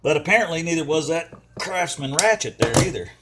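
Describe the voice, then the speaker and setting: This older American video host, a DIY mechanic, mutters folksy, colloquial remarks to himself while doing a hands-on fix. His fairly high voice is expressive and a little quick, and the recording is very noisy.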